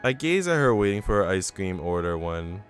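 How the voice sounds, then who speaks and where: Reading a visual novel on stream, a man speaks at normal speed in a low voice with big pitch swings while faint music plays. He's a game streamer who slips casual, talkative remarks to viewers between narrated sections.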